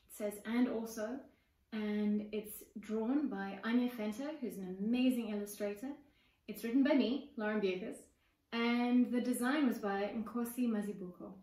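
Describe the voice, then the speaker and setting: A South African woman in her forties, a children's book author, reads a picture book aloud expressively, asking young listeners questions along the way. Her voice is fairly high, caught from a distant mic with slight background noise and roomy echo. She's indoors in a room with bookshelves and plants.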